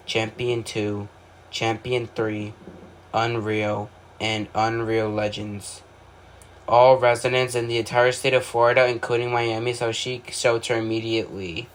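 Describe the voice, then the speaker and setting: Poor audio with noticeable background noise captures a man with a lowish voice. He's a video creator doing amateur, announcer-style scripted narration of his own fictional alert scenario, a mock emergency broadcast, and stumbles over words at times.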